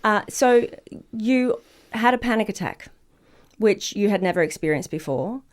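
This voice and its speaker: A woman hosts an interview podcast, thoughtful as she asks her questions. Her voice sits at an average pitch for a woman. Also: expressive, unhurried. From Australia. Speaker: podcast host.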